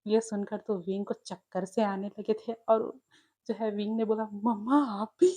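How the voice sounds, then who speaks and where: Mellow-voiced woman narrating a story. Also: mid-range voice, flat delivery, moderate pace. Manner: conversational, addresses listeners. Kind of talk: casual fan fiction narration.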